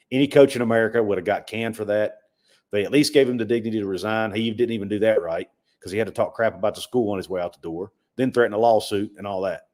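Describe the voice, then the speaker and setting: A man's voice: lowish voice, darkish tone. A man co-hosting a sports livestream, talking casually and often repeating words as he makes a point. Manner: conversational, repeats words when emphatic. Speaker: sports podcast co-host.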